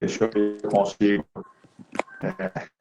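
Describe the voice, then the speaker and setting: A man's voice: fairly low pitch, sing-song, measured pace, gravelly. A man presenting an online lecture, his call audio breaking up and cutting out as he hesitates and repeats words. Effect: choppy online-call audio breaking up and cutting out. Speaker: webinar presenter. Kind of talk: online lecture, casual explaining. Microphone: computer mic on a video call. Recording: dull lo-fi call audio with faint music.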